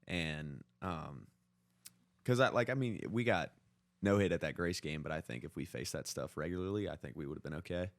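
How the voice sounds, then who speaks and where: This deep, animated male voice moves at a moderate pace with no echo on the recording. He's a young American podcast co-host spinning sports stories in informal, slangy chat, leaning heavily on "like."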